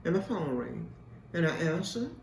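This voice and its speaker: A woman's voice: deep voice, very animated, moderate pace, vocal fry, a little mellow, a little hiss or hum. A woman host telling an emphatic, repetitive testimony in a preacher-like way. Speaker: host and mentor. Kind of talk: spoken testimony. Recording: echoey room from a distance.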